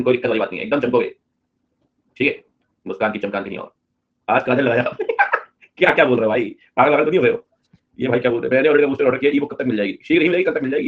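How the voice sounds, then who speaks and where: A man's voice: mid-range voice, muffled recording. A man teaching a live online class, joking and teasing his students between points.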